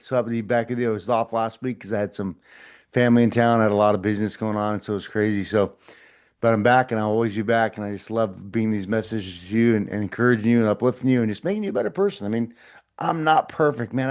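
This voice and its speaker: A middle-aged man hosts a short motivational podcast, speaking to camera in a casual, earnest, encouraging way, often repeating himself and restarting lines. His voice is medium in pitch, a little mellow, and he talks at a quick pace.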